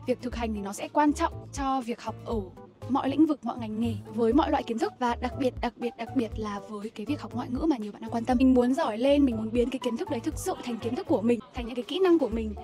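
A woman's voice: a little high, warm tone. A young woman vlogging casually to her viewers about study tips, chatty and self-deprecating, sounding words out as she practises. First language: Vietnamese. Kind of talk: casual vlog talk to viewers.

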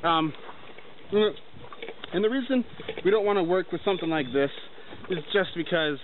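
Walking through the woods, a young man films his trip and rambles casually to the camera he holds at arm's length. His voice is high and animated at a normal speed, captured as tinny, lo-fi audio with faint noise.

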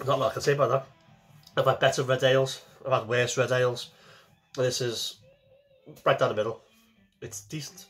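A man's voice: mid-range voice, fairly even intonation, a little fast, long pauses, fairly bright tone, faint music behind. A man in his forties, talking casually to camera from a small home kitchen as he reviews a beer, chatty and repeating himself as he goes.

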